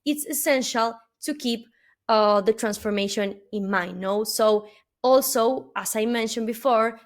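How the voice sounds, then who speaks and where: A native Spanish-speaking woman from Argentina delivers an earnest webinar keynote in English with an Argentine accent, her voice pitched a little high. She scatters "uh" fillers throughout and ends lines with a questioning "no?"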